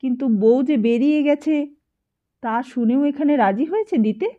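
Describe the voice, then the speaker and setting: A fretful, short-tempered older widow scolds her household in a raised, complaining voice, as a woman narrator puts her on. The voice sits high and the audio is a little dull and lo-fi. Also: moderate pace, close to an everyday voice. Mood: anxious.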